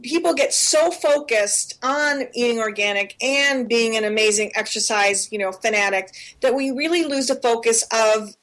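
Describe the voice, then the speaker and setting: An earnest woman in her forties co-hosts a casual talk show, pressing her points with repetition. Her voice sits a little high for a woman, and she talks over a remote call. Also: normal speed, hardly any pauses, a bit bright. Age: 40s. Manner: earnest, emphatic, repeats herself for stress. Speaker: co-host.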